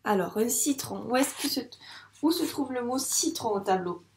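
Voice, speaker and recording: A woman teaching a reading lesson to young children in a patient, encouraging way, sounding out words slowly at the board. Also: fairly high pitch, lively intonation, echoey room, slight background noise. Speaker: primary school teacher. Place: classroom with a board.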